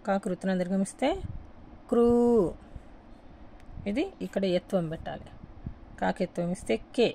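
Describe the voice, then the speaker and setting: A patient woman teaching a writing lesson step by step, repeating each point as she writes it out. Her voice is low-toned and gravelly with a soft, dark edge. A faint hiss of room noise sits behind her.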